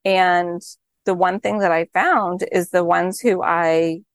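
A woman with a somewhat low voice hosts a relaxed interview, talking enthusiastically and thinking aloud as she goes. The sound is dry and close, with no room around it. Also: takes it slowly, dry recording. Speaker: podcast host. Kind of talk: conversational interview.

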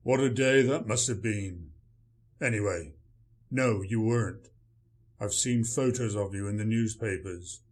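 A man's voice: on the low side, unhurried, natural voice. A man playing a grumpy male writer, dry, sarcastic and dismissive in a radio play. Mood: sardonic.

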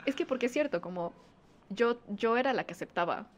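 A woman's voice: on the high side, lively intonation, fairly quick, muffled recording, a little hiss or hum. A woman, co-hosting a podcast in casual chat, talking with many fillers and frequent laughs. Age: 20s. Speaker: podcast co-host.

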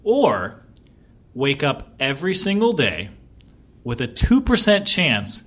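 Male podcast co-host, casual chat, lively swinging pitch, laughs often. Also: slow. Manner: animated, laughs often, repeats himself.

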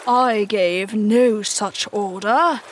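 A woman voicing a menacing, brooding male pirate captain in a storybook, with grandiose, drawn-out archaic speech. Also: a little high, a little hiss or hum. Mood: outraged.

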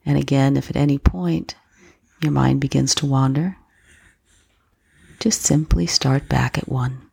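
A woman guiding a slow breath-counting meditation in a soft, gentle, breathy voice with unhurried pauses. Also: very deep voice, fairly even intonation, no room sound. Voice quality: soft, breathy, husky, often near whisper. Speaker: meditation guide.

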